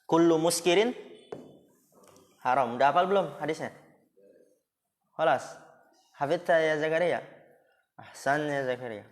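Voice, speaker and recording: A man's voice: a little high, measured pace, pauses often. A man teaching Arabic grammar to students in a casual way, with rhetorical questions and jokes. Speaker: Islamic school teacher. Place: Islamic boarding school classroom. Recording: long hall reverb.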